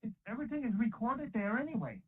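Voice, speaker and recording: A man on a collect call from prison, talking in a hesitant, halting way over the phone. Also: extremely high pitch, sing-song, husky. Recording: tinny phone-line recording.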